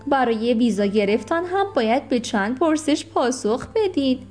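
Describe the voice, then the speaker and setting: A patient, kindly winged creature from a storybook, voiced by a woman, explaining things gently in a high, light voice. Faint music plays underneath. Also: lively intonation.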